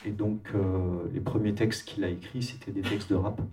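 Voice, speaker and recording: A man from France, a musician and producer, talking in a relaxed interview with many hesitations and restarts. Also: on the low side, normal speed, far from the mic.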